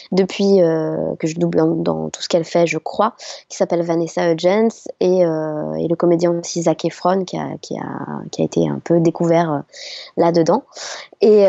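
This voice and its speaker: A middle-aged voice actress telling stories in an interview, chatty and hesitant with many fillers. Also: female voice, lowish voice, vocal fry, mellow, no room sound. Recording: slightly dull lo-fi sound.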